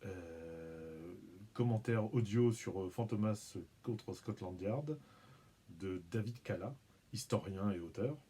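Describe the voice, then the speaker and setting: A man hosting his own channel, talking through an unboxing in a relaxed, rambling, self-mocking way, humming and muttering as he handles things. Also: lowish voice, takes it slowly, slightly rough. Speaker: video channel host. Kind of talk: casual unboxing commentary.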